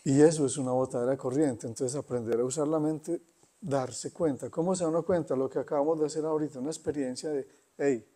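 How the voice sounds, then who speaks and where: A man giving an unhurried spiritual talk, conversational and pausing often. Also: a little high, mellow. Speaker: spiritual teacher. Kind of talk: satsang talk.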